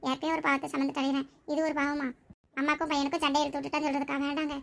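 A woman playing a sad, patient young wife, speaking softly and resignedly with a Tirunelveli Tamil accent. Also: high voice, fairly even intonation, rapid-fire, vocal fry. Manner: soft, resigned.

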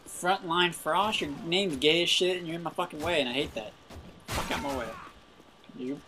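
A young man giving live gameplay commentary, frustrated and swearing loudly at other players. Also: a little high, fairly quick, music in the background. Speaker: gaming video host.

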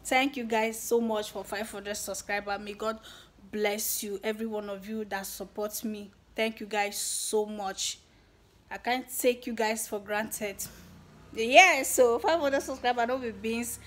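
A young woman with a Nigerian accent thanking her subscribers in a casual vlog, excited and emotional, slipping between Pidgin and English. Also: a little high, a little slow. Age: young adult. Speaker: YouTuber.

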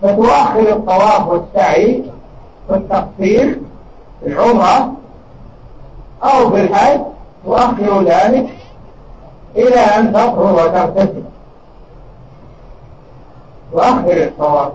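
An older man with a Saudi Arabian accent, giving a religious lesson and answering questions in a measured, emphatic way, heard in a large mosque hall on a distant, dull recording. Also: high-pitched, noisy background.

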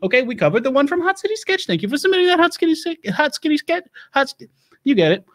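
Playing a livestream show host, a man improvises a rambling Louisiana doomsday prepper, manic and self-assured. His heavily acted, sing-song delivery is rapid and stumbling, jumping into loud, high bursts and slipping into drawling asides.

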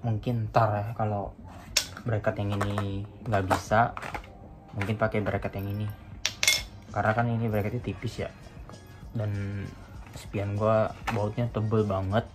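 A man's voice: fairly low pitch, little pitch movement, measured pace, long pauses, loud music behind the voice. A young man casually chatting to viewers while unboxing a phone holder in a small room beside a motorbike. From Indonesia. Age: young adult. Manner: chatty, addresses viewers as guys. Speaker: motovlogger reviewing a phone holder. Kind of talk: casual Jakarta-slang unboxing chat.

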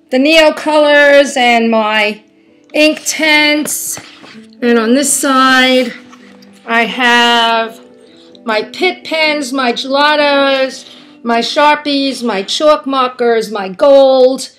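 A woman with a somewhat high voice talks slowly and casually while she lays out supplies for a journaling session. She chews gum as she goes and chats to her viewers between tasks. Soft soundscape music plays faintly from a TV behind her. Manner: slow, chatty, talks while working. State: chewing gum. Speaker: art journaling crafter. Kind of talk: casual craft tutorial chat.

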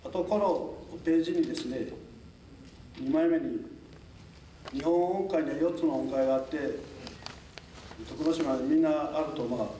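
An older man from a southern island gives a talk to a local crowd in a polite, formal way, with chuckles and asides. His voice is mellow and middle-pitched. The recording is roomy, picked up from a distance, with faint room noise behind it. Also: normal speed, long pauses. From Tokunoshima, Amami Islands, Japan. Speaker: lecturer. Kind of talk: public talk to a local audience. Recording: echoey hall, mic at a distance.

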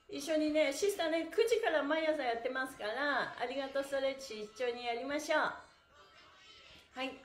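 High-pitched and full of energy, a middle-aged woman who hosts stretch classes and performs pantomime leads a livestream, chanting counts and slogans. She's cheerful, giggly, and encouraging, talking with her viewers between instructions. Recorded on a phone or camera a short distance away, the small bare-walled room sounds echoey.

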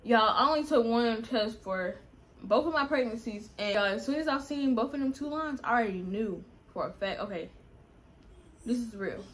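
A woman's voice: a little high, expressive, moderate pace, fairly bright tone. A young woman, casually telling a personal story to her viewers at home and calling them y'all. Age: young adult. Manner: chatty, addresses viewers as y'all. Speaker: vlogger.

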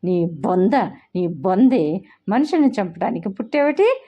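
A woman's voice: mid-range voice, sing-song, a little slow, breathy edge. A woman narrator voicing a bossy, short-tempered young husband who scolds and barks orders, in a storybook reading. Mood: furious. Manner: scolding, commanding, shouting. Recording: dull lo-fi recording.

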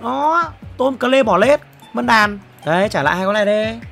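A young man, streaming himself opening player packs in a football game. He is excitable and swings from loud exclamations to low muttering. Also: normal speed, gravelly, faint music behind. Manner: excitable, exclamatory, jumps between shouting and muttering.

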